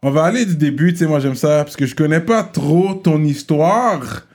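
A man with a Québécois French accent hosting a casual interview. He talks with lively energy, hypes up his guest, and slips English slang into his speech. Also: on the high side, normal speed. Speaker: podcast host.

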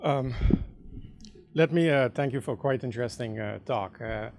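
A man's voice: mid-range voice, a little slow, creaky, a little mellow. A man from the Caribbean in the audience, asking a long question in a hesitant way with many fillers and "right?" checks.

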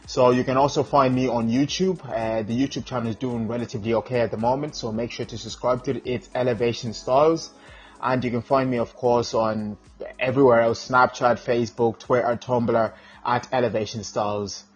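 A man in his twenties from Zimbabwe, a podcast guest answering casually and relaxed, with frequent fillers. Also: medium pitch, breathy edge. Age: 20s.

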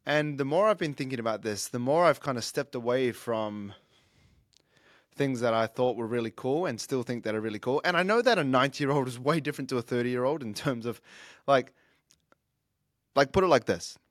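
His mid-range voice runs a little fast on a dry, clean studio recording. The thirty-something fitness coach and podcast host delivers a casual monologue on life lessons, earnest and reflective, frequently beginning sentences again.

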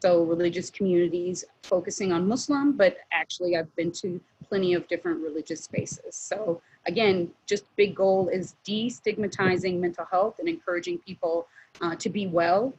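A woman's voice: fairly low pitch, expressive, normal speed, darkish tone, slightly rough. A woman in her forties, a mental health professional, introducing herself in a chatty, self-correcting way over a video call. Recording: dull lo-fi video call audio.

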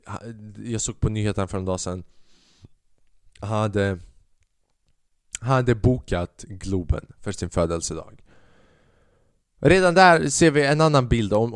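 A man's voice: lowish voice, no room sound, studio quality. A young man hosting a casual solo podcast, telling stories with lots of swearing and acting out what others said. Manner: swearing, animated, acts out quotes. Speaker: podcast host.

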